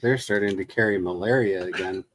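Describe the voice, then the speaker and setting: A man's voice: deep voice, a little fast, a bit bright, slight background noise. A man hosting a casual gaming stream, chatting in wry, rambling asides. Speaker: livestream host. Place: room shared with second speaker.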